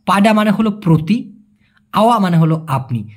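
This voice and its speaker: A man gives a chatty language lesson. His voice is husky and his pitch swings in a lively way. He jokes in asides between the examples. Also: moderate pace. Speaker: language teacher. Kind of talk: casual video lesson.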